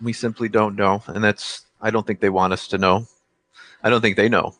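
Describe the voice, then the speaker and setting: A man's voice: on the low side, level tone, normal speed, a bit bright, no room sound. A man co-hosting a casual movie-review podcast, laid-back with dry quips. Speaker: podcast co-host.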